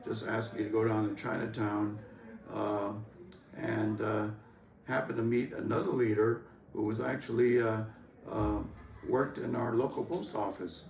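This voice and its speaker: Older man, low voice, echoey crowded room. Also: steady tone, creaky, darkish tone. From San Francisco, USA. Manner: measured, many fillers and pauses. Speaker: interviewee, longtime organization member. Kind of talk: recorded interview. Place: convention venue, crowd behind. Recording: roomy, from a distance.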